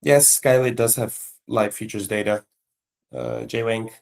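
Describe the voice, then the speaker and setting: Gravelly casual trading-stream host, man. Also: on the low side, very animated, measured pace, a little mellow. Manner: loose, chatty, lots of fillers and slang. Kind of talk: casual livestream chat.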